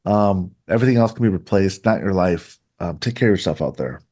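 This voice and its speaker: A man's voice: low voice, a little fast, a little mellow. A man co-hosting a political podcast, speaking earnestly and repeating words as he starts sentences. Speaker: podcast co-host. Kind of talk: casual political chat.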